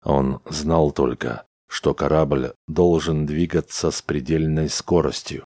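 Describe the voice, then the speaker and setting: A man narrates a science-fiction audiobook in a very low, dark voice. His reading is even and unhurried. The recording is dry and close, with no room sound. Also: no echo. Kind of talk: scripted narration.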